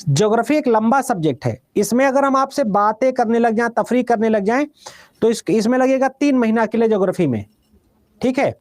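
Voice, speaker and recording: In a clean, dry studio recording, a man with a Bihari Hindi accent teaches geography in a very high, lively voice. He repeats each item slowly so students can write it down, calling them "beta".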